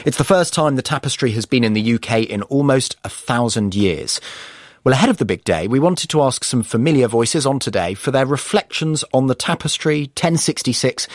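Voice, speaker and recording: A man's voice: medium pitch, no echo. A British man presenting on the radio from a studio, reading scripted introductions.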